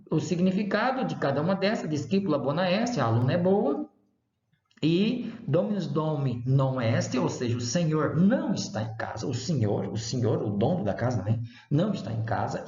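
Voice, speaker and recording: Man, Brazilian Portuguese accent, university lecturer, slightly high voice, slow repeated examples, dull echoey recording. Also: darkish tone. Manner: didactic, repeats examples slowly, checks in with "né?" and "tá?". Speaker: university Latin professor. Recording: roomy, dull lo-fi sound.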